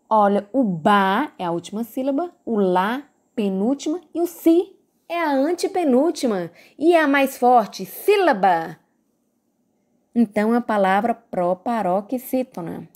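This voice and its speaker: A woman with a Brazilian Portuguese accent teaches a recorded grammar lesson, her voice on the high side with a darkish tone. She patiently stretches out her words and puts questions to the class.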